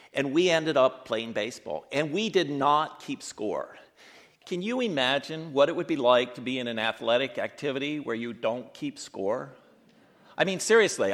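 A man in his sixties speaks to a live audience in an earnest, reflective manner. His voice sits at an ordinary middle pitch for a man. He tells a personal story and slows down for emphasis. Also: a bit bright. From grew up in Ethiopia and the United States. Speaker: guest speaker.

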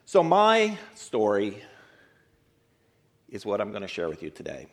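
A man in his sixties giving a speech to an audience, telling his life story in an earnest, reflective way and slowing down to stress key points. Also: on the low side, wildly swooping pitch. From grew up in Ethiopia and the United States. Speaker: guest speaker.

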